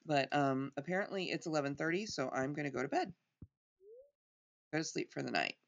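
A woman's voice: low-pitched, lively intonation, fairly quick, vocal fry, highs cut off. A middle-aged woman giving casual let's play commentary, thinking aloud as she plays.

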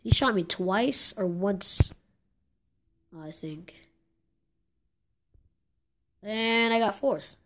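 A woman's voice: medium pitch, extremely slow, pauses often. A young woman giving casual commentary over a mobile game, exclaiming in frustration and rambling with many restarts. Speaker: gaming channel host.

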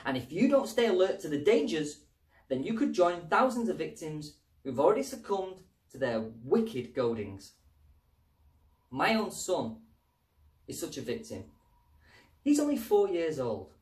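A man narrating a mock-serious public information film in an earnest, grave, measured way. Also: a little high, darkish tone. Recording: roomy, distant mic.

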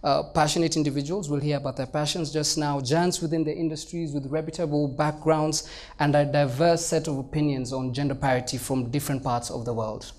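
Young male moderator, chatty and joking, a touch higher-pitched, live event stage. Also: steady tone, brisk, a little mellow. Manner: chatty, jokey, many fillers. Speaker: moderator and presenter. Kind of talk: moderating a live panel discussion. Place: indoor conference stage.

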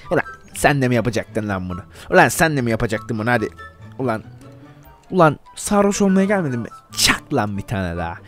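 A man's voice: on the low side, a bit bright. Joking man commentating his gameplay. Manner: playful and joking, addressing viewers as "gençler". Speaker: gameplay video host.

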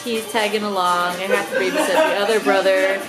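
A young woman in her twenties chatting casually to a handheld camera as a vlogger, bubbly and quick with asides. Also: mid-range voice, expressive. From Canada. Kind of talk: casual vlog chat. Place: car, thrift stores and shops. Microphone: handheld camera at arm's length. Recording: music bed underneath.

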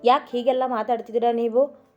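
A woman's voice: on the high side, fairly even intonation, fairly quick, lightly acted. A woman voicing an anxious young wife who fires off pleading questions at her husband in a story reading. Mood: upset. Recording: dull recording with soft music.

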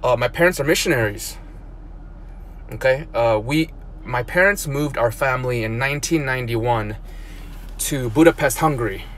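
A man in his thirties who grew up in South Korea talks through a casual live-stream monologue from the seat of a parked car. His pitch sits in the middle of the male range, and he rambles, often stopping to restart a sentence or repeat a word. The phone is held at arm's length, with a faint hum of ambience behind him. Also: normal speed, a bit bright. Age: 30s. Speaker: blogger.

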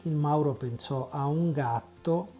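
A man reading a children's storybook aloud in a calm, measured narration. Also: a little high, faint music behind. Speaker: audiobook reader.

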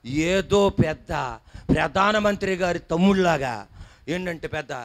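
A pastor with a high voice preaches a little slowly to a congregation in a church hall. He's emphatic, firing questions at the listeners and coaxing them to respond, repeat after him and smile.

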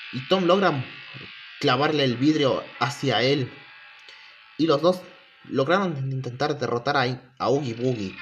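A man tells a spooky fan story in a loose, halting style, stopping and restarting his sentences. His voice sits at an ordinary mid pitch. Faint music plays quietly behind him. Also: dull audio. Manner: halting, restarts often, strings events with "entonces". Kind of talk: casual spoken retelling of a fan creepypasta.

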